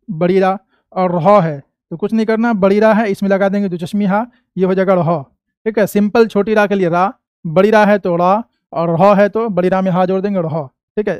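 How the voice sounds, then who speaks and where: A man with an Indian Hindi accent teaching an Urdu class, patiently asking questions and answering them himself, saying each sound slowly. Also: sits high, steady tone, a little mellow, smooth, no echo. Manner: patient, asks and answers his own questions. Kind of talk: classroom lesson.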